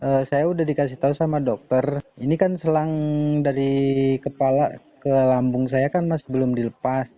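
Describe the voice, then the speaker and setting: A man, a bank customer talking casually on speakerphone in a halting, hesitant way. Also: medium pitch, level tone. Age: 40s. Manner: hesitant, halting with many pauses. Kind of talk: casual phone conversation. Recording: tinny phone line.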